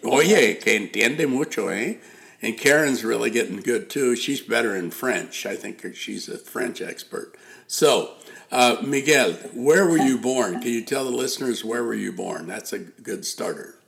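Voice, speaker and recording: Gravelly older man hosting a podcast. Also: medium pitch, lively intonation, a little slow, a bit bright. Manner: rambling, many fillers and restarts. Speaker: podcast host. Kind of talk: casual interview.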